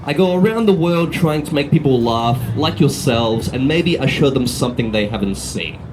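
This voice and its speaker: Cheeky and teasing, an Australian man from Melbourne delivers his sword-swallowing street act's comic banter to a crowd in the city. He speaks at a normal speed with medium pitch and plenty of animation, while traffic hums in the outdoor background.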